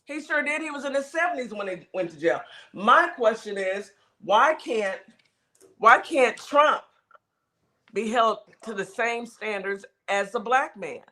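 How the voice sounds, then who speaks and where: Emphatic talk show host, bright voice. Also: mid-range voice, animated, moderate pace, few pauses. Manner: emphatic, repeats points for weight. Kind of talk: casual radio talk show chat.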